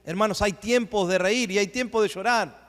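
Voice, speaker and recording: A man pastor preaching a sermon, rising into emphatic swells and dropping into hushed asides. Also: high-pitched, moderate pace. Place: church sanctuary. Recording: long church hall reverb.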